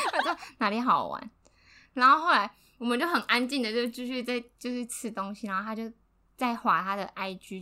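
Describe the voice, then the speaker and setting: A young adult woman telling a story in a casual podcast chat, animated, laughing often and acting out what people said. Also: fairly high pitch. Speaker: podcast co-host.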